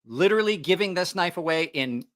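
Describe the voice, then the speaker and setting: A man's voice: sits high, animated, brisk, fairly bright tone. A man hosting a casual livestream in a hyped giveaway-announcing manner, rambling and repeating his phrases. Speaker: livestream host running a giveaway. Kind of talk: casual live-stream chat.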